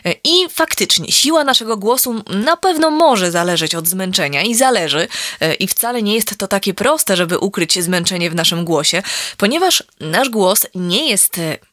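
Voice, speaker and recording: A woman's voice: mid-range voice, lively intonation, normal speed, fairly bright tone, dry recording, clean studio sound. A woman hosting her own solo podcast as a voice coach, talking in a conversational way with frequent small hesitations. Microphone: studio microphone.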